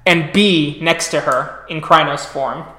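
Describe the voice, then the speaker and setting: A man's voice: fairly high pitch, a little slow, bright, forceful tone, echoey room. A man running a tabletop role-playing game as storyteller, describing scenes with easy laughs. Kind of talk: narrating a tabletop game over voice chat.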